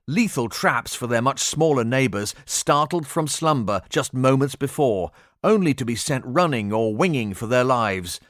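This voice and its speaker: A man narrating an adventure audiobook with expressive, dramatic storytelling, in a studio. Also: mid-range voice, no echo.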